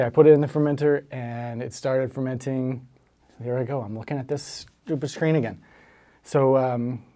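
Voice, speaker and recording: A man's voice: mid-range voice, a little mellow. Rambling man chatting casually. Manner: rambling, self-correcting, hesitant. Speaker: home brewer vlogger. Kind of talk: casual talk to camera.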